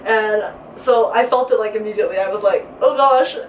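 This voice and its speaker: A woman's voice: mid-range voice, fairly quick, slight background noise. A young woman from Malaysia chatting casually as a vlogger, laughing often and saying "like" a lot. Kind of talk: casual chat. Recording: roomy sound from a distant mic, slightly dull.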